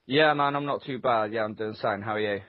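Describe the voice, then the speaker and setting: A man's voice: on the low side, brisk, no room sound. A man co-hosting a casual podcast, chatting in a rambling, dryly humorous way. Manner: rambling, sweary, dry humour. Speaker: podcast co-host. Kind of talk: casual comic anecdote chat. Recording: dull, lo-fi voice-call audio.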